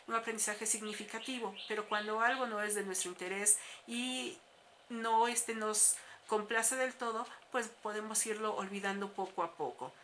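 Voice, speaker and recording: A woman teacher walks her students through a lesson, explaining step by step and filling pauses with small "eh" sounds. Her voice is bright and clear at a middle pitch. Faint noise hums under the recording. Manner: explanatory, steady, with frequent "eh" fillers.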